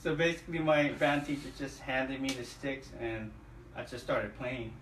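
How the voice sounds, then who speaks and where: A man from Hawaii talking easily as a guest, often pausing with "uh" while he thinks. He sits some way from the mic in an echoey room with a light hiss underneath. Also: mid-range voice, little pitch movement, fairly bright tone. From Oahu, Hawaii. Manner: easygoing, hesitant with many uhs. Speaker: guest, drummer. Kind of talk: casual interview answers. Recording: roomy far-off mic with faint noise.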